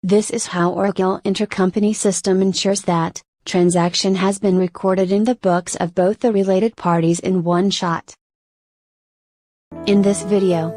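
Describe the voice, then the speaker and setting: This scripted software tutorial is narrated by a woman with a mid-range voice who explains each step in a measured way. The audio is dry and close-miked, with hardly any room sound.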